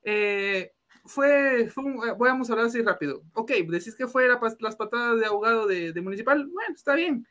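A man's voice: very high-pitched, lively intonation, a little fast, a bit bright. A young Guatemalan man with a Guatemalan Spanish accent, co-hosting a casual sports chat, laughing often and restarting his sentences. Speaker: podcast co-host.

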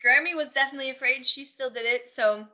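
A young woman in casual chat, telling family travel stories in an animated, excitable way. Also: sits high, quick pace, lo-fi sound, a little hiss or hum.

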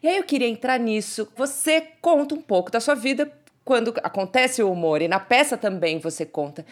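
A woman's voice: on the high side, lively intonation, brisk. A woman interviewer asking thoughtful, reflective questions in a conversational way.

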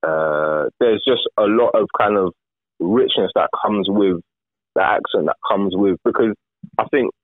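Deep guy, tinny phone sound, stop-start talking, repeats himself a lot. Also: dry recording. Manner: halting, repeats words, many fillers. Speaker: podcast co-host. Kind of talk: casual chat. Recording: tinny phone-like remote call.

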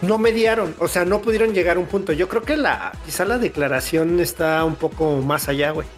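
A man with a Mexican accent hosting a casual podcast chat, animated and full of slang, often talking over the others. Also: a little high, brisk, faint music behind. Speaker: podcast host.

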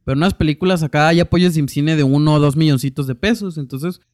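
Higher-voiced young Mexican man, casual. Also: fast, a little mellow. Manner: slangy, agreeable. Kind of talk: casual film chat.

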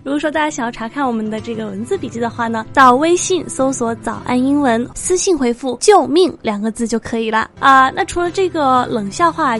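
A slightly high-voiced woman leads a bilingual lesson, explaining terms step by step with bright energy. Gentle guitar music runs behind her. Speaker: English teacher host.

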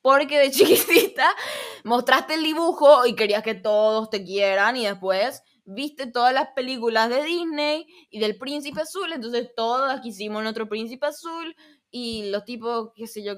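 A woman's voice: fairly high pitch, moderate pace. A young woman from Paraguay with Argentine touches in her Spanish, rambling and giggling through a casual solo podcast chat. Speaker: podcast host.

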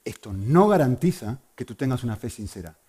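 A man preaching a sermon to a congregation, swinging between loud emphasis and hushed asides. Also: medium pitch, big pitch swings, fairly quick, slightly rough.

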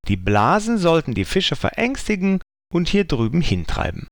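A playful young hippo girl coaxes in a lively, expressive voice, a man reading her part. The recording is close and dry. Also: a little high, normal speed, no echo, voice pushed up. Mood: apologetic. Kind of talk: children's storybook reading.

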